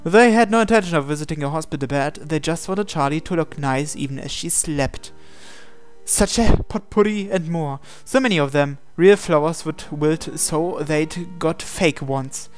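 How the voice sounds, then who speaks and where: Over game music, a man reads a visual novel as dramatic narration with occasional asides. His voice is fairly high, clear and resonant, at a moderate pace, and he sometimes trips over words and repeats phrases.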